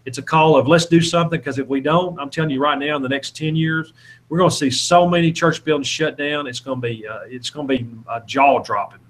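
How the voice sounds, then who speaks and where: A man's voice: medium pitch, a little fast, fairly bright tone. A man, an evangelist talking informally and earnestly in an interview, often exhorting and repeating himself. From Alabama, southern United States. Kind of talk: informal interview talk with preaching.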